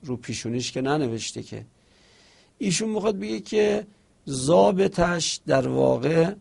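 A male seminary teacher with a gravelly, rough-edged voice at a middling pitch. He reads each line of an Arabic text slowly, then explains it in relaxed conversational speech. Now and then he asks and answers the book's questions in a livelier tone. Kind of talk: classroom lecture reading and explaining an Arabic text.

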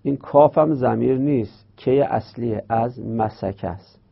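A man teaches grammar in a patient lesson. He explains step by step and repeats and stretches key terms. His voice has a gravelly edge, and the recording sounds dull and muffled. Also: mid-range voice. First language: Persian.

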